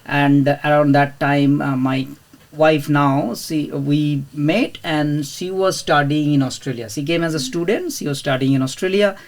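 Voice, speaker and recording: A man's voice: on the high side, fairly even intonation, measured pace. A man in his thirties, originally from India, speaking as a guest in a casual interview, with frequent fillers and restarts. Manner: hesitant, many fillers and restarts. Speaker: podcast guest, property investor.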